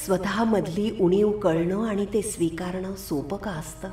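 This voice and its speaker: A woman reading her own literary love story aloud in a measured, expressive narration, with faint instrumental music behind. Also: mid-range voice. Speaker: author and story reader.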